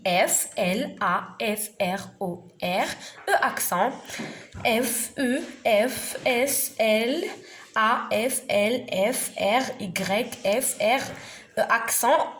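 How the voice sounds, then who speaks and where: Woman teacher, slightly high voice, very slow letter-by-letter delivery, echoey room with faint hiss. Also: a bit bright. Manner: spells out letters and syllables slowly and deliberately. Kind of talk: slow reading lesson for beginners.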